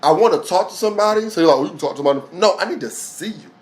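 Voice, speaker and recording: A man's voice: high-pitched, animated, very fast, a little mellow. A man co-hosting a podcast, rambling through stories in casual, profane slang. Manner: rambling anecdotal storytelling. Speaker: podcast co-host. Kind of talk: casual chat.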